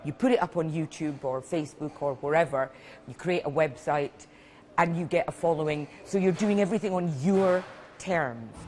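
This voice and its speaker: A woman speaking in an interview, thoughtful and a little halting. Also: deep voice, a little mellow, slight background noise.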